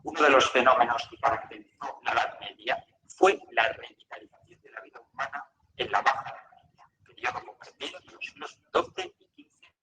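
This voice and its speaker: A man's voice: vocal fry, recorded from a distance. A man reads a formal documentary narration, heard from a video whose audio keeps stuttering and dropping out as it buffers. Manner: formal, measured reading with lively pitch. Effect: choppy audio that keeps cutting out, like a buffering video stream. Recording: echoey video played through a call, faint noise.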